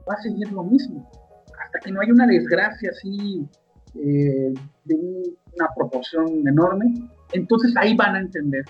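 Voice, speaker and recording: A man's voice: high voice, breathy edge, muffled recording. A man with a Mexican accent hosts a casual sports talk show, speaking conversationally with many fillers and asides. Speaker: podcast host.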